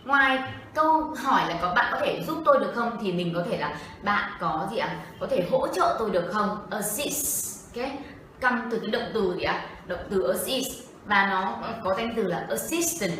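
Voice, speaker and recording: A woman's voice: medium pitch, expressive, moderate pace, a bit bright, distant mic, a little hiss or hum. Vietnamese woman explaining English, echoey room. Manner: explains in Vietnamese, asks the audience questions. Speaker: co-host and interpreter. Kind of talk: livestream English lesson.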